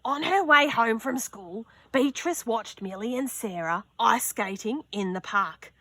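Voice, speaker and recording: A young woman reading a children's picture book aloud outdoors, slow and expressive, with gasps and little asides. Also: a little high, no room sound. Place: outdoors on a sunny wooden deck.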